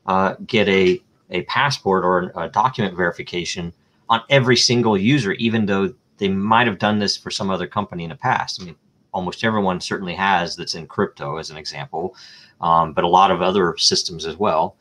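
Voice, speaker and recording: In a live online interview, a guest with a very low, slightly bright voice and fairly even intonation walks through a technical idea using concrete examples, step by step. He thinks out loud, restarts his sentences and fills pauses with plenty of ums and uhs.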